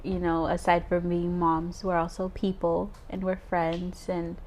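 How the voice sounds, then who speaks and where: A young woman in her twenties with a somewhat low voice chats easily as a podcast co-host. She laughs often and fills her pauses with "um" and "like." A faint hiss sits under the recording. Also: monotone, a little mellow. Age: 20s. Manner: giggly, chatty, frequent "um" and "like". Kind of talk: casual chat.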